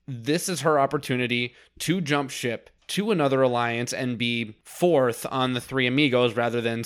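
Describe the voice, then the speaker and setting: A man's voice: mid-range voice, fairly bright tone. A man co-hosting a podcast in casual chat, analytical and given to stammered restarts. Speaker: podcast co-host.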